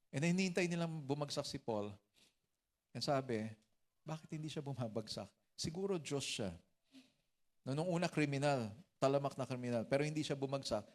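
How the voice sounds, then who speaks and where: A man with a Filipino accent preaching a sermon as pastor, mixing teaching with humorous stories and joking asides. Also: mid-range voice.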